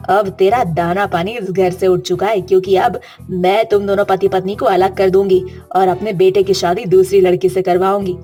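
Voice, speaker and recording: A woman's voice: medium pitch, level tone, moderate pace, dark tone, soft background music, close to an everyday voice. A woman voicing a domineering older mother-in-law in a cartoon story, who talks in a harsh, scolding way. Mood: scheming.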